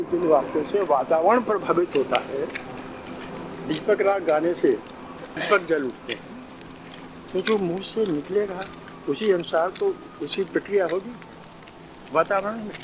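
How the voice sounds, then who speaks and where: Male spiritual teacher, high voice, repetitive teaching cadence with frequent chuckles; muffled lo-fi recording. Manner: chuckling often, drawn-out teaching cadence, repeats phrases. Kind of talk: spiritual discourse. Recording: dull lo-fi recording, faint noise.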